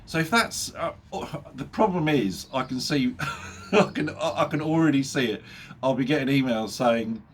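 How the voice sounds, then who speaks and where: Speaking to camera at a moderate pace in a mid-range voice, a middle-aged motorbike vlogger sounds stuffed up from a cold, with a little hiss or hum on the recording. His chat is casual and jokey, sprinkled with self-amused laughs and many fillers.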